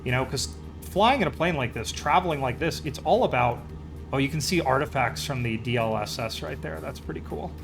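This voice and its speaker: Male game streamer, mid-range voice, relaxed rambling casual chat with bursts of enthusiasm, faint music underneath. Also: mid-range voice, a little fast, vocal fry. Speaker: live streamer. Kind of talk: casual chat while playing a flight simulator.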